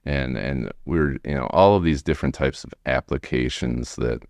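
A man in his forties with an American accent, telling his story casually in a halting, rambling way as an interview guest. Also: extremely low pitch, creaky, a little mellow, no echo, clean studio sound. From United States, Wisconsin. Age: 40s. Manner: rambling, halting, frequent "you know". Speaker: podcast guest, remodeling tradesman.

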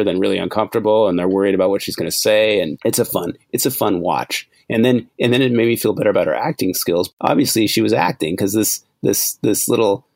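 A man's voice: lowish voice, creaky, no room sound. A man co-hosting a podcast in casual chat, rambling and laughing. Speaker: podcast co-host.

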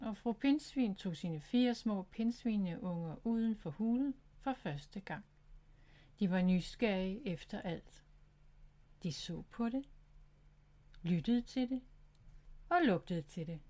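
A woman narrating a children's story in a gentle, clear reading voice. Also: mid-range voice, expressive, long pauses.

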